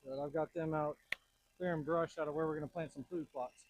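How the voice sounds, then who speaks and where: A man chatting casually and informally to viewers as he shows outdoor work, with a tractor rumbling behind him. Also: steady tone, fairly quick, muffled recording, noisy background. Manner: folksy, informal. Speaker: outdoors vlogger. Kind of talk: casual chat to camera, walking viewers through work. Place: outdoors on land being cleared.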